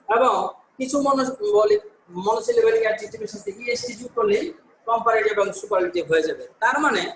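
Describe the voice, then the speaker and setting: A man's voice: very high-pitched, roomy sound, low-quality recording. A male teacher from Bangladesh giving an online class, explaining step by step, answering his own questions and correcting himself with "sorry". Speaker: English teacher.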